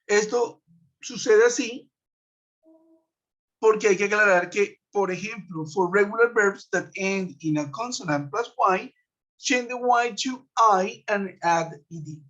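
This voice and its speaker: A man's voice: high-pitched, slow, a bit bright. A man teaching an English grammar class over a web conference, patiently walking through each rule step by step and checking in with his students. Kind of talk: online class explanation. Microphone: web conference computer mic. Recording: dull lo-fi web conference audio.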